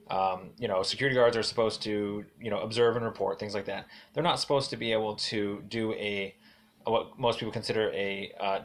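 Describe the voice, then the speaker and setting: A man leaving a long voicemail as a caller, speaking in a halting way with many fillers and a formal complaint tone. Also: lowish voice, fairly bright tone.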